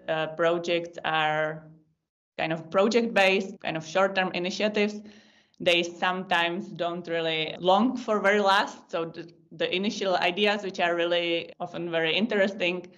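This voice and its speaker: Heard over lo-fi video call audio, a Czech-accented woman in her thirties from the Czech Republic answers casual podcast interview questions about her job leading a data science team. Her voice is fairly low and a bit bright. She explains her work in long, thoughtful lists, with small restarts.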